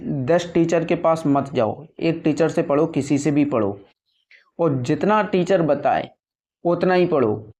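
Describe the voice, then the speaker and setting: An earnest young man talks casually to his viewers, calling them brothers and repeating his points so they sink in. His voice sits a little high for a man. The sound is dull and lo-fi. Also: darkish tone. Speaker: successful exam candidate giving advice. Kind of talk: casual advice talk to camera.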